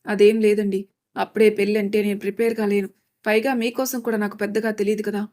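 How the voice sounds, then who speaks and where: A woman's voice: medium pitch, level tone, quick pace, a little mellow, lightly acted. A woman voicing a frightened young woman running away from an arranged marriage, speaking anxiously. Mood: hesitant. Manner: pleading, anxious.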